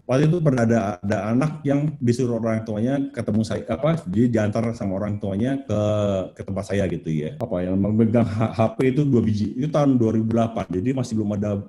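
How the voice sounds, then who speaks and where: A man's voice: on the low side, quick pace, few pauses. A man explaining how to handle children, often acting out what parents and kids say. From Indonesia. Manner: animated, acts out parents and children in quotes. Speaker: hypnotherapist answering questions. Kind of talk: casual explanatory talk.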